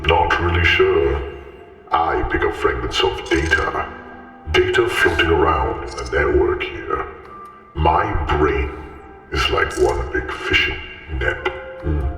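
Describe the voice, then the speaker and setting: Man as a very deep, slow, cryptic informant. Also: pushed and bright, exaggerated voice. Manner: musing, deliberate. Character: cryptic networked data-gathering informant, slow, smug, deliberate. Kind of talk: video game character acting. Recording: echoey long reverb with music. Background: music.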